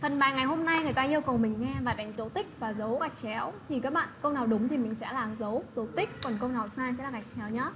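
A woman teaching an English lesson to children, repeating words slowly and checking that they understand. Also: high voice, noisy background. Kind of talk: classroom lesson explaining vocabulary.

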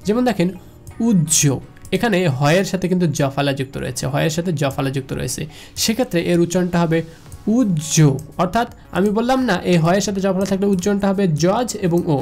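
A man's voice: high-pitched, fast talker, vocal fry, darkish tone, faint music behind. A man with a Bangladeshi Bengali accent giving a slide lecture, repeating each rule and asking the listener questions. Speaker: teacher. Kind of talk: slide lecture on pronunciation rules.

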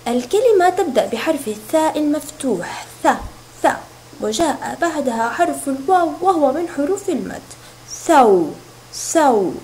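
A woman teaching a recorded reading lesson to young children, sounding out syllables slowly and clearly. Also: high voice, warm tone, a little hiss or hum, rough recording. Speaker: kindergarten teacher.

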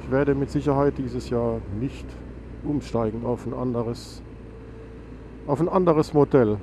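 A man's voice: mid-range voice, unhurried, dark tone. Stuffy-nosed man on a motorbike. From Germany. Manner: rambling, self-correcting, lots of fillers. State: stuffy, nasal from a cold. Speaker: motovlogger. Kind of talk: casual chat while riding. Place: outdoors on a motorcycle on a country road. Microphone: helmet mic on a motorcycle. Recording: noisy motorcycle wind and engine.

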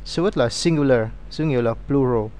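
A man's voice: medium pitch, normal speed, a little mellow, clean tone. A man teaching an English grammar lesson, explaining rules step by step and reading out example words.

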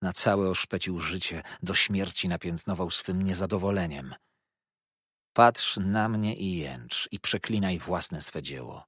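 A man's voice: low-pitched, takes it slowly, a bit bright, breathy edge, no room sound, clean studio sound, exaggerated voice. A man voicing a bitter, scarred woman who hurls furious accusations in an audiobook. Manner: accusing, declamatory outbursts.

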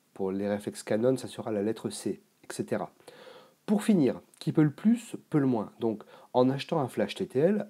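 A man explains camera flash settings in a calm tutorial, his voice mellow and warm in tone. He talks in a relaxed, conversational way, like a host walking viewers through the basics. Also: medium pitch. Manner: relaxed, conversational teaching with a playful sign-off.

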